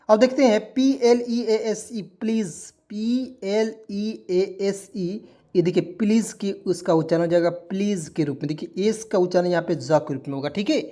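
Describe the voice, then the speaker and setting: A high-pitched man gives a beginner online lesson, spelling words out letter by letter and repeating each point. He quizzes his listeners with rhetorical questions and keeps calling them friends.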